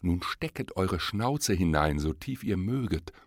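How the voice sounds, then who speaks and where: A crafty fox from a storybook fable, voiced by a man, low-pitched and silkily polite, flattering while he schemes. He speaks with unhurried, dry courtesy. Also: no room sound, full character voice. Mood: sly. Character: sly, flattering male fox. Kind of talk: audiobook reading of a verse fable.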